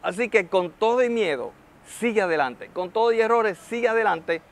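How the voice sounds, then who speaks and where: Man with a pretty high voice, pep-talk vlog, encourages you like a buddy, talks like a network marketing coach. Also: expressive, moderate pace. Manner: encouraging, addresses the viewer as a friend; acts out nervous beginners' voices in quotes. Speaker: network marketing motivational speaker. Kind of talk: motivational vlog advice. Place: hotel, ends showing a rooftop view.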